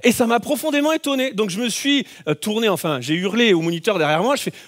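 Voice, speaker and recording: Animated high-voiced male preacher. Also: fast talker. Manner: animated storytelling, acts out scenes with shouts. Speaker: pastor. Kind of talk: sermon.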